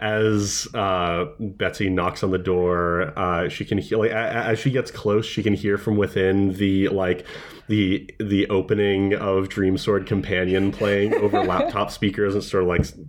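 A man narrating in a tabletop role-play, halting and stumbling over his words. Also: low voice, little pitch movement. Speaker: player.

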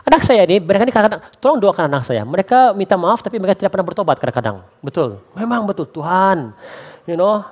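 A man preaching a lively sermon as a pastor, slipping English phrases into his talk. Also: sits high, quick pace. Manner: acts out quoted voices for humor.

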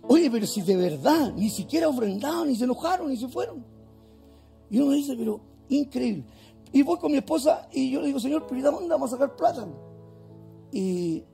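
A man's voice: high voice, creaky, mellow. A male pastor preaching a fervent sermon in a church, firing off rhetorical questions.

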